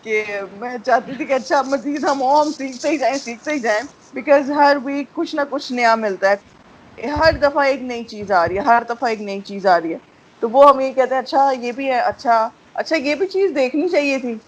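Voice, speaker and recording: A woman's voice: medium pitch, fairly bright tone, slight background noise, poor audio. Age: adult. Sex: woman. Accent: Pakistani Urdu. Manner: candid, mixes English in. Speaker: voice-over student. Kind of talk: testimonial.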